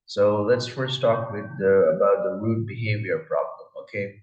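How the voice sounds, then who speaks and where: Man from India, deep voice, hesitant, many fillers, roomy echo. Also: normal speed, a little mellow, recorded from a distance. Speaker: travel vlogger. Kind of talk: voice-over narrating a slideshow. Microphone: voice-over, face not shown. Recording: roomy, dull lo-fi sound.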